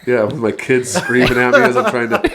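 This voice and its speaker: A man's voice: mid-range voice, expressive, fairly quick, a loud crowd. A man in his thirties from California, a pastor talking casually and energetically on a podcast, laughing often. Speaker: guest pastor.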